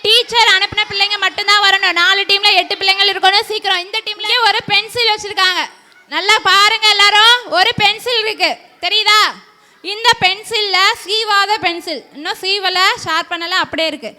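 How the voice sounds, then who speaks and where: High bright woman giving game rules. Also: steady tone, a little fast, long reverb tail. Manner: repeats steps and checks for understanding. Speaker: children's event organizer. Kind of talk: explaining game rules to schoolchildren. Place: church hall.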